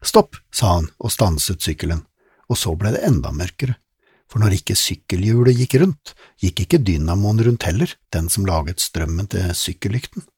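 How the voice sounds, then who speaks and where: Deep, very husky male narrator. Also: no echo, clean studio sound. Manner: expressive, suspenseful storytelling. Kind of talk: scripted narration.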